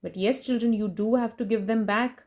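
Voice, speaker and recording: At a moderate pace and a pitch on the high side, a woman reads a storybook aloud to kids with expression. Animated throughout, she stops to ask the young listeners questions directly.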